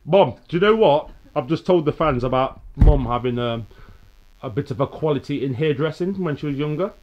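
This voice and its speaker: This vlogging dad, a middle-aged Brit, teases and jokes his way through a casual family vlog in a slightly high, animated, somewhat fast, mildly mellow voice. The audio is dull, with faint background noise, captured by a handheld camera held at arm's length in small furnished rooms and later a car.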